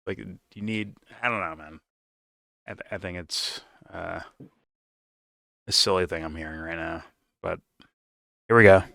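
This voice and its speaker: A man with a low voice but a bright, forceful edge reacts on a casual show. He swears freely and stumbles into restarts as he thinks aloud. The mic is close and dry. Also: steady tone, a little slow, creaky, pauses often, no echo. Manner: loose, profane, stammering restarts with laughs.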